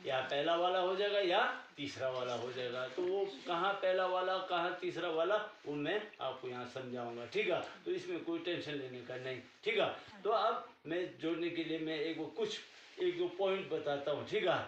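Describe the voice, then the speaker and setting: A man's voice: on the high side, normal speed, fairly bright tone, a little hiss or hum. Male language teacher, patient classroom delivery, dull distant recording. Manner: patient, repeats "ठीक है" often, checks understanding. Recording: echoey room, distant mic, dull sound.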